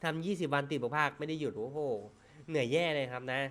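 A man giving excitable, profane live commentary on a slot game stream. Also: a little high, quick pace. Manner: excitable, swears often, shouts at spins.

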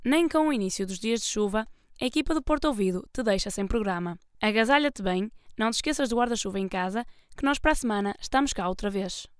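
Woman, European Portuguese accent, fast scripted presenting, medium pitch, guitar music behind. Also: lively intonation, smooth. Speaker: radio show presenter. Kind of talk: scripted narration.

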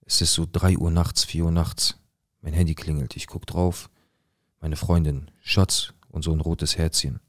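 A young man acting out a rough-talking, paranoid drug dealer who tells his own story in a dramatic monologue full of slang and swearing. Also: rumbling low, little pitch movement, measured pace, no echo, clean studio sound. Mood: tense. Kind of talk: dramatic first-person monologue.

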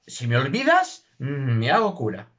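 A soaked young suitor declaims his love in a stage comedy, as a man puts him on. He sounds loud and husky, and the recording is muffled and dull. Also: medium pitch, huge pitch swings, measured pace, heavily acted. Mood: ardent. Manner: declamatory, theatrical. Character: young male lover, soaked and pompous.

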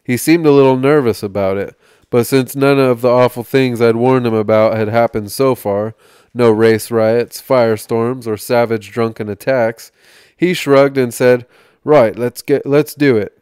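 Smooth-voiced man reading aloud. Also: mid-range voice, steady tone, a little mellow, no echo, clean studio sound. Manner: measured reading with small slips and restarts. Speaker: podcast host reading aloud.

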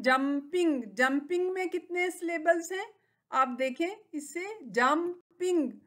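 A woman with a Pakistani accent gives a recorded school lesson to young children. Her voice is high, and she speaks slowly, stretching each word out and praising the children gently. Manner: gently encouraging. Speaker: teacher.

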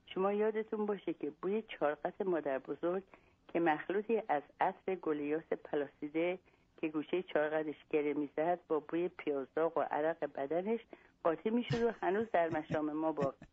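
A woman's voice: deep voice, no room sound. A woman on a phone line voices a self-assured male psychologist who lectures at length and lays out odd instructions step by step. The line is thin and dry, with no room around the voice. She keeps close to her own everyday voice. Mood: instructive. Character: Iranian male psychologist, confident and long-winded.

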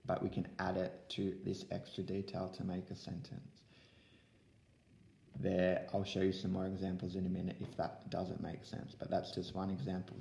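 A man's voice: on the low side, creaky, a little mellow, roomy sound. A young man teaching an online lesson to young pupils from home, explaining step by step into a laptop webcam. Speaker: primary school teacher. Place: room at home.

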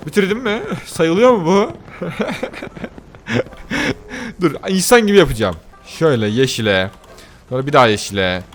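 A young man giving casual commentary on a game he plays, excitable and often breaking into shrieking outbursts. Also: fairly high pitch, moderate pace, music in the background. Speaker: gaming YouTuber. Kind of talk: casual Let's Play commentary.

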